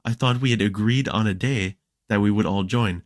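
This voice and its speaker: Young male guest, low voice, loose and chatty, dry close mic. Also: normal speed, dry recording. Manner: relaxed storytelling with frequent fillers and restarts. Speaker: podcast guest, Minecraft creator. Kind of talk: casual podcast chat.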